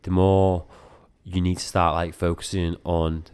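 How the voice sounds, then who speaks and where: A man's voice: low-pitched, flat delivery, measured pace, darkish tone, clear, resonant tone. A man who cannot pronounce his R's, saying w for r, chatting informally as a coach in an interview, rambling and peppered with filler words. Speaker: strength and conditioning coach being interviewed. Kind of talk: casual interview chat.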